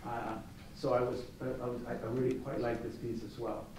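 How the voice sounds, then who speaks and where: With a mid-range, somewhat dark voice, level tone, and moderate pace, a man judging an art competition offers an informal gallery talk. He keeps restarting and adding anecdotal asides. Audio features a distant mic, roomy echo, and faint noise.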